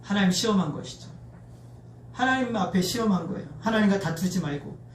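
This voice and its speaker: A male pastor with a high-pitched, brisk voice preaches a sermon, leading his congregation in lively, expressive call-and-response. The recording comes from a distance in an echoey church sanctuary, with faint noise.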